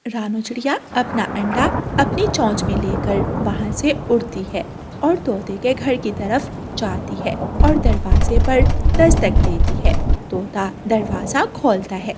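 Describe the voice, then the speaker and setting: A woman's voice: medium pitch, measured pace, heavy background noise. Woman narrating a storybook cartoon. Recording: loud rain and thunder sound effects behind.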